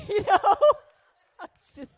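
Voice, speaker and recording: A woman youth pastor telling a chatty, humorous testimony in a sermon, laughing often. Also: extremely high pitch.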